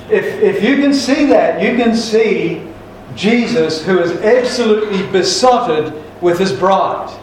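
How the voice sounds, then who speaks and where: A man's voice: high voice, animated, slow, slight background noise. A man preacher delivering a sermon with jokes, folksy and emphatic, with restarts. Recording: echoey church hall from far off.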